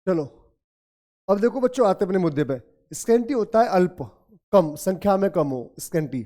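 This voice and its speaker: High-voiced Hindi-accented male teacher. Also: expressive, normal speed, mellow. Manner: addresses students as children, repeats key words. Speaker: English teacher. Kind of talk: classroom lesson explaining vocabulary.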